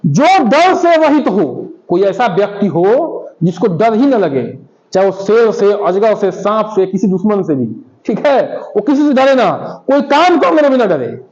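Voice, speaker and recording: A man's voice: high voice, animated, moderate pace, a little mellow, lo-fi sound. A male school teacher giving a Hindi lesson in a classroom, patiently asking the class questions and repeating their answers.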